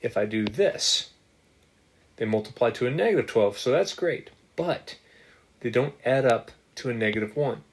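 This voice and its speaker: A man's voice: medium pitch, expressive, moderate pace. A man who is a math teacher, talking through examples while writing on screen, upbeat and joking at his own slips. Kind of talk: screen-capture math lesson. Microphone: desktop microphone. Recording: noisy desktop recording with ticking.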